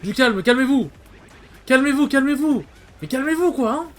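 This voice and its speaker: Man doing a shrill, panicky pompous captain. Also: brisk, natural voice. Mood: panicked. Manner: stammering, shrill when scared. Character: pompous cowardly nobleman ship captain, panicky.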